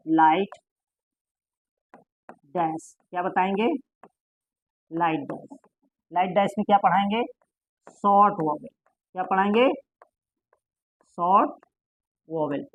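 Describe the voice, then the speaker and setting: A shorthand teacher gives a classroom-style lesson in a middle-pitched, slightly mellow voice, repeatedly asking her class questions and answering them herself. The dry, close recording sounds dull and lo-fi.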